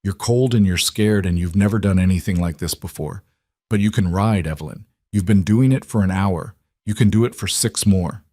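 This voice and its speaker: A man voicing a steady, protective frontier cowboy who speaks in firm, clipped commands. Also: low-pitched, moderate pace, no room sound, clean studio sound. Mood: urgent.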